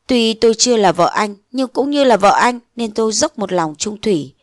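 A woman's voice: moderate pace, no echo, studio quality, close to an everyday voice. A woman playing a tearful, indignant girl of eighteen. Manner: pleading, rising to shrill reproach.

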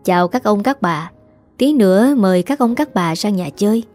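A woman's voice: mid-range voice, animated, normal speed, darkish tone, faint music behind, natural voice. A woman voicing a confident, protective middle-aged father in a narrated story, reassuring his family.

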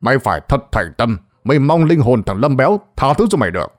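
A man voicing a stern, gruff older village sorcerer in a spoken ghost story. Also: medium pitch, very animated, fast talker, natural voice. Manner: gruff, scolding, commanding.

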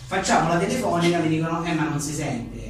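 In an echoey venue hosting a live book presentation, a man being interviewed as a writer speaks fast and animatedly in a high-leaning voice. He rambles conversationally in hesitant phrases with many little tag questions, and the distant mic picks up echo and faint noise.

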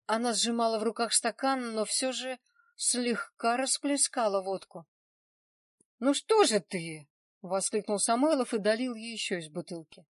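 A woman narrating an audiobook in the first person, steady and measured. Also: on the high side, no room sound, studio quality, recorded from a distance.

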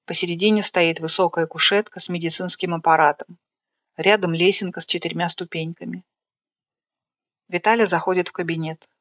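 A narrator reads screenplay stage directions in a plain, even manner. The voice sits at a middling pitch and is recorded close and dry, with no room sound. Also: fairly quick, no room sound. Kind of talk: reading a screenplay aloud.

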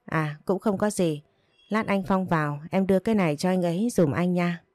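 A friendly young farmhand speaks casually and without hurry, as a woman narrator gives him a voice. The tone is low and mellow, and the recording is dry and close. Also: moderate pace, no room sound, close to an everyday voice. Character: young male farm worker, casual and friendly.

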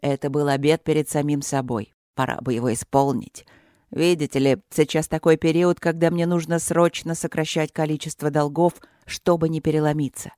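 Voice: mid-range voice, level tone, moderate pace, warm tone, clean tone, no echo, clean studio sound, natural voice. A reader voicing a tense young duke who speaks wryly, in an audiobook. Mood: strained. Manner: tense, wry, muttering. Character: strained young male duke.

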